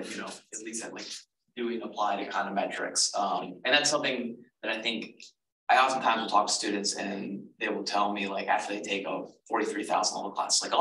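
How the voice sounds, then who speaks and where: An economics advisor speaks to students in a casual info session, rambling with lots of fillers and self-corrections. His voice is on the low side with a sharp tone. The room is echoey, he's far from the mic, and there's faint noise.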